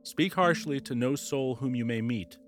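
A man voicing a wise old centaur prophet in a storybook reading, speaking gravely and with sighs. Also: mid-range voice, moderate pace, soft background music, lightly acted. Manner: grave and sighing.

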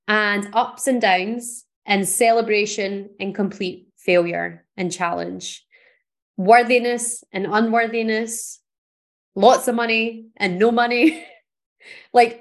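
An earnest woman from Scotland speaks on her own podcast in a voice of ordinary pitch for a woman. She talks in an encouraging, emphatic way as she coaches her listeners. It is a motivational solo talk. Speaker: podcast host.

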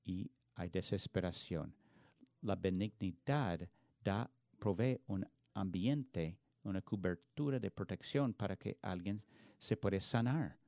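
A man's voice: low-pitched, slow, gravelly, mellow, dry recording, clean studio sound. A man preaching a sermon in an earnest, emphatic way, often restarting words mid-phrase. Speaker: pastor.

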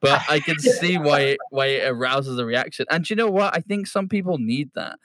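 A man's voice: fairly high pitch, fairly quick, a bit bright, dry recording, studio quality. A man hosting a podcast, chatting casually and joking with his guest, laughing easily. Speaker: podcast host.

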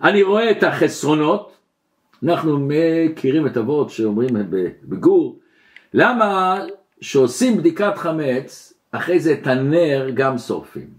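A middle-aged rabbi teaches a class in a fairly high voice. His intonation swings widely and expressively as he tells stories and acts out the characters in them. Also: lively intonation. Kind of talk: religious lesson with storytelling.

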